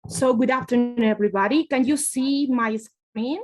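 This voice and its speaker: A woman's voice: on the high side, moderate pace, darkish tone, soft background music, rough recording. A woman from Ecuador speaking on a video call as a conference presenter, hesitant and polite, with many fillers.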